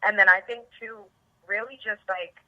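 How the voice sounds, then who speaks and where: Heard over a band-limited line with the highs cut off and no room sound, this New York interview guest, a TV host and film reporter from the Bronx and Harlem, chats casually in outgoing, slangy style. Her medium-pitched voice is pushed and bright, steady in tone, at a moderate pace.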